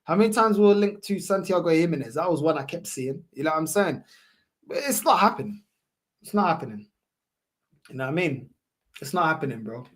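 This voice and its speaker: A man's voice: on the high side, animated, fairly quick, pauses often. A man with a London roadman accent chatting casually as a football livestream host, slangy and repetitive with emphatic phrasing. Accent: London roadman, multicultural London English. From London, England. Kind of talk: casual livestream chat, answering viewer comments.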